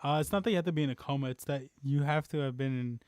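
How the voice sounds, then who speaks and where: A man hosting a podcast in casual chat, telling a story with lots of laughter and animated voices. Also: mid-range voice, rapid-fire, smooth, dry recording, studio quality. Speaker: podcast host. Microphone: desk microphone on stand.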